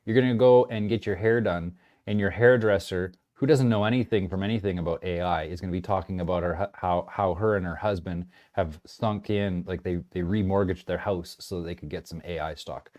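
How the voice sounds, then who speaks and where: A man giving casual, animated trading commentary, rambling and often restarting his sentences. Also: deep voice, fairly quick. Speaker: market commentator.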